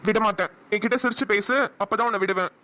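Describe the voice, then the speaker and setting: A woman's voice: medium pitch, fairly even intonation, fast, pushed and bright, lightly acted. A woman voicing a young husband in a cartoon who teases and scolds his wife brusquely. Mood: teasing. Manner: teasing, brusque. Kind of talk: cartoon voice acting.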